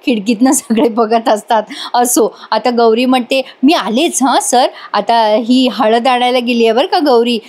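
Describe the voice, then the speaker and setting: High-voiced chatty woman recapping. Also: steady tone, moderate pace, few pauses, a little mellow. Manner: chatty, addresses viewers, laughs often. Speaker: TV serial reviewer. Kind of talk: casual voice-over recap.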